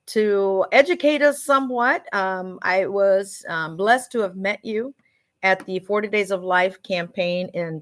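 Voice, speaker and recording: A woman hosting a community radio show, moving between English and Spanish as she introduces a call-in guest. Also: on the low side. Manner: warm-up chatter, switches between English and Spanish. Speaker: radio host.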